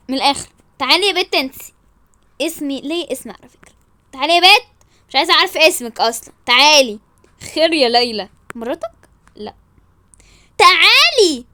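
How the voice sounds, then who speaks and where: A woman with an Egyptian Arabic accent telling a role-play story, switching quickly between bickering character voices. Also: sits high, a bit bright, no echo. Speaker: storyteller voicing all characters.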